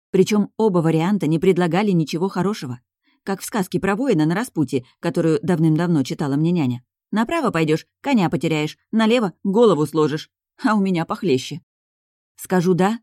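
Low-voiced woman narrating an audiobook. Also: warm tone, no room sound, studio quality. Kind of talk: first-person audiobook narration.

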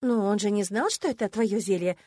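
A woman's voice: medium pitch, a little fast, mellow, no echo, clean studio sound, natural voice. A woman doing a squealing romantic girlfriend. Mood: placating. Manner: gushing, squealing, dreamy. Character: gushing romantic young woman, excitable best friend.

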